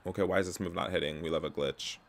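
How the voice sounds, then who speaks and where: A man from Canada chatting casually and gossipily while streaming a wrestling video game at home, with sudden loud yelps. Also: low-pitched, steady tone, quick pace, slight background noise. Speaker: gaming streamer. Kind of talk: casual commentary while playing.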